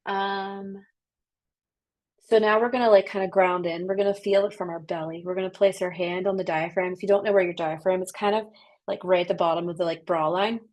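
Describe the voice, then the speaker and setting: A woman with a trained soprano voice leads a voice workshop over a video call. She talks in a chatty, upbeat way, full of encouragement and relaxed fillers. She sounds like a coach guiding a group. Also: on the low side, a little fast. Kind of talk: online voice workshop instruction.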